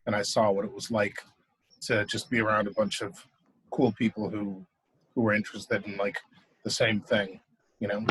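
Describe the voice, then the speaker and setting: Husky-voiced man in a casual interview. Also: lowish voice, normal speed, pauses often, no room sound, low-quality recording. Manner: relaxed, filler-heavy speech. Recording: dry, close sound.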